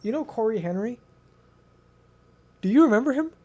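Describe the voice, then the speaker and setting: A young American video host with a very high-pitched, lively voice tells stories to a friend at a normal pace, his tone a little mellow. The chat is casual, rambling and slangy, and he often repeats himself.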